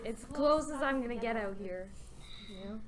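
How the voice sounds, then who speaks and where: A woman's voice: on the high side, normal speed, crowd noise. A woman playing a tabletop game, chatting casually with playful banter.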